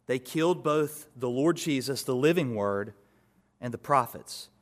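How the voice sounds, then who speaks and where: A male pastor preaching an expository sermon, building to emphatic peaks and dropping to soft asides. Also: medium pitch, animated, unhurried.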